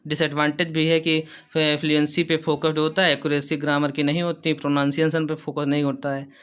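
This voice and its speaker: A male teacher giving an exam-prep lesson, reading English lines slowly and then explaining them in quick, casual Hindi. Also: fairly high pitch, monotone, fairly bright tone, clear, resonant tone.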